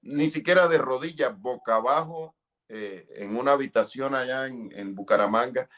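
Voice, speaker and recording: Speaking at a moderate pace in a medium pitch, a middle-aged man delivers a fervent, earnest interview testimony. He relives the emotional moments aloud, crying out and shouting.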